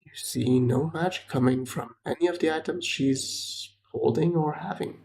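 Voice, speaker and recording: A man's voice: a little high, moderate pace, gravelly, a little mellow. A man narrating as game master of a tabletop game, in a matter-of-fact way.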